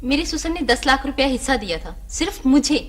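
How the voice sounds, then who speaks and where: A woman's voice: high-pitched, lively intonation, a little fast. An actress playing a boastful, wealthy lady guest in a TV drama. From Pakistan. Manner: showy, bragging. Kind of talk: broadcast TV drama.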